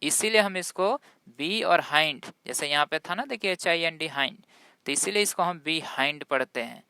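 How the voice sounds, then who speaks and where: A woman's voice: on the low side, lively intonation, a little fast, pushed and bright, clear, resonant tone, no room sound, clean studio sound. A woman with Hindi as her first language teaching English pronunciation, spelling words out letter by letter and quizzing her viewers as she goes. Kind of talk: classroom-style spoken lesson.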